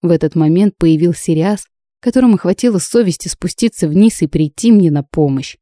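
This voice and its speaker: A woman narrating a novel in the first person with a lively, emotional reading. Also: lowish voice, a little fast, no room sound, clean studio sound. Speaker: audiobook narrator.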